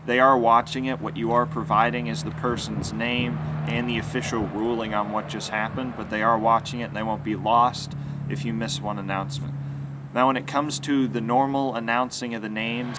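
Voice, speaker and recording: With trees around him in an outdoor yard, a young man who instructs sports announcing talks earnestly to the camera and punches his key words. His mid-range voice holds a steady tone at an ordinary speed, and the outdoor background noise is clearly audible.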